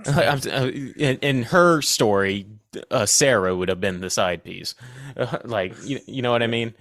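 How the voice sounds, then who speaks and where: A man co-hosting a podcast, chatting casually about a film, getting worked up and laughing, with his voice jumping high when he is indignant. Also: a little slow, no room sound, studio quality. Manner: animated, laughing, jumps to high indignant pitch. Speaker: podcast co-host. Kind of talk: casual movie discussion.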